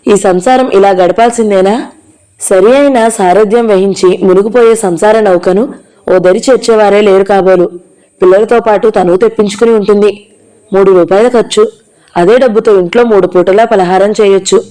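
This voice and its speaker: Audio-novel narrator, steady storyteller, warm tone. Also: female voice, mid-range voice, normal speed, rough recording. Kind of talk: reading a novel aloud.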